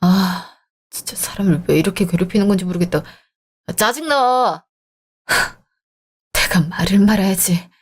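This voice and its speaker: A woman's voice: medium pitch, moderate pace, pauses often, slightly rough, close to an everyday voice. A woman voicing a selfish young married man who talks in a dismissive, irritated way, in a dramatized story. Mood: scornful.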